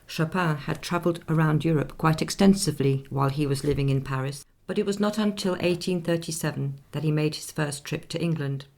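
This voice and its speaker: An actress playing a dignified nineteenth-century Swedish opera singer in a radio play, speaking in a measured, formal, reflective way. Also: female voice, low voice, gravelly, a little mellow. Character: [name], composed, dignified Swedish opera singer of the 1840s.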